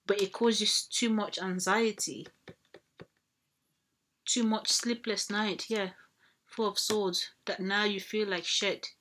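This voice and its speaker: A woman's voice: mid-range voice, fairly even intonation, slow pace, pauses often, fairly bright tone, slight background noise. A woman giving a casual tarot reading to viewers, thinking aloud and rambling with fillers and restarts as she draws cards. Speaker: tarot reader.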